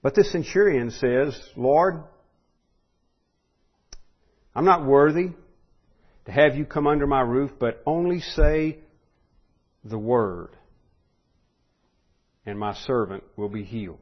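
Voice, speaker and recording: A man's voice: medium pitch, expressive, a little slow, long pauses, slightly rough, dull audio. A man preaching a sermon in an earnest way, often restarting and rising in force when he stresses a point.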